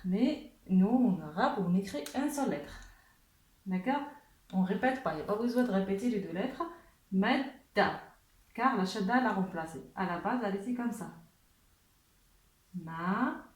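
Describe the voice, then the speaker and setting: A woman teaching a beginner language lesson, patient and encouraging, repeating sounds slowly for her learners. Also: mid-range voice, darkish tone, reverberant. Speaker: Arabic teacher.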